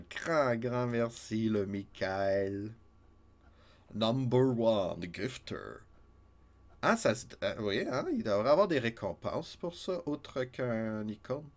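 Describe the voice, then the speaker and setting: A man with a Québécois accent chats casually through a game stream in a middle-pitched voice. He is self-mocking and laughs often. A slight stuffiness from a cold lingers in his voice. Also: animated, slow pace, fairly bright tone. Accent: Québécois French.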